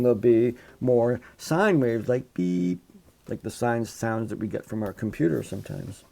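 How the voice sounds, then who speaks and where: Gravelly, dark-voiced male lecturer. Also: medium pitch. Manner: casual, rambling with restarts, demonstrates sounds with his voice. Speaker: psychology instructor. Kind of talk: live online lecture. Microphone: computer microphone.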